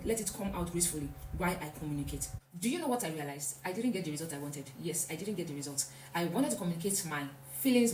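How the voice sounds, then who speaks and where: A vlogger gives an earnest, reflective motivational talk, repeating her points for emphasis. Her voice is fairly low with a darkish tone, and the echoey room adds a faint hum.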